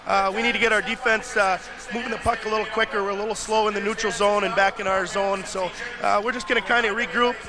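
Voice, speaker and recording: A male hockey coach answering interview questions, halting with many fillers. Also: sits high, steady tone. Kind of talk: sideline interview.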